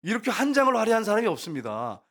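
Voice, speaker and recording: A man's voice: sits high, huge pitch swings, very fast, a bit bright. A man preaching a sermon as pastor, putting rhetorical questions to the congregation.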